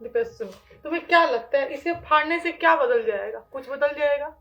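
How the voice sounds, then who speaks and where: A woman plays a wounded wife who stays calm and firm while turning her husband down. She talks in a high, steady voice and soothes him gently. Faint music plays behind her. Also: fairly quick, lo-fi sound. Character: hurt wife refusing to return to her husband. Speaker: actor in a short drama.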